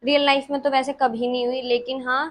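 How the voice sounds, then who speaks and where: A woman's voice: sits high, level tone, a little fast, fairly bright tone. A woman of twenty, chatting casually as a vlogger answering follower questions in her bedroom, giggly and self-mocking. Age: 20s. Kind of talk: casual chat.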